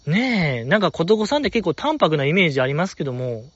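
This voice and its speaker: A man with a Kansai accent rambles through a casual fan-chat podcast, his pitch leaping about with eager enthusiasm. The sound is dull and lo-fi, recorded very dry with no room in it. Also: sing-song, fast talker, no echo. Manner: enthusiastic, rambling, lots of fillers. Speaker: podcast host reading listener letters.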